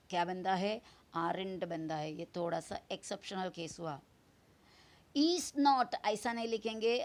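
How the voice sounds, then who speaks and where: A woman from India, teaching grammar in a video lesson, repeating each form and spelling words out. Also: mid-range voice. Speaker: English teacher.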